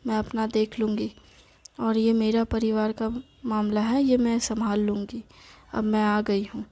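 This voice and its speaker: A woman's voice: a little high, flat delivery, measured pace, warm tone. A woman reading a headstrong young heroine. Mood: determined.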